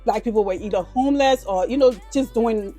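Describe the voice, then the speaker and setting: A woman's voice: on the high side, a little fast, dark tone, faint music behind. Liberian-born woman chatting about her life. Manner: chatty, with many "you know" fillers. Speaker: business owner interviewee. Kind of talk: casual interview.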